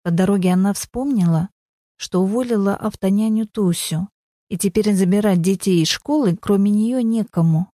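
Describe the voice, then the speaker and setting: A woman narrating a novel in a measured, even way. Her voice is mellow and dark, and the recording is dry and close. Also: medium pitch, no room sound. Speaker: audiobook narrator. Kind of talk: scripted narration.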